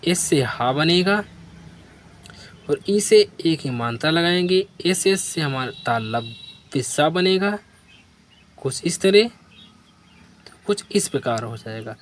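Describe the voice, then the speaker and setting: A man's voice: on the high side, animated, slow pace, long pauses. A man teaching beginners, spelling out words letter by letter and asking questions back to the learner. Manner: spells letters one by one and asks the viewer to repeat. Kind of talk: slow spelling lesson for beginners.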